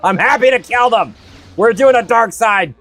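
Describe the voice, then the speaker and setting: Very high-pitched, animated, and a bit bright, this man's voice moves at normal speed as he streams a game. He's from the Southern United States but has a neutral accent, chattering on with plenty of fillers over faint game music.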